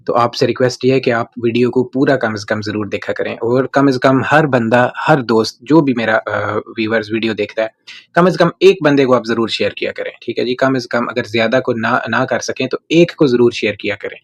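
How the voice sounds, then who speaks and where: A man giving a casual lesson on everyday Arabic phrases, saying each phrase slowly and repeating it before explaining it, often adding a friendly "theek hai ji". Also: mid-range voice. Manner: pleads with viewers to watch and share. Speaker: Arabic language teacher.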